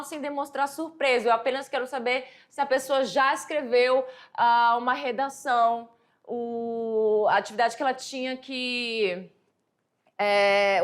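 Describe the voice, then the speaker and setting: A woman teaching English to high school students, explaining patiently and reading the English examples out slowly. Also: a bit bright. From Brazil. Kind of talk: classroom lesson explanation.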